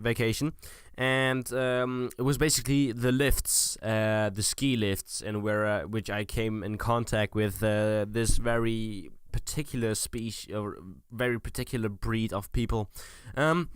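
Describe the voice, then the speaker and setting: Young man, hesitant commentary, smooth dry sound. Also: medium pitch, a bit bright, no echo. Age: young adult. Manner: hesitant, searching for words. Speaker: video host. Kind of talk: improvised casual video commentary.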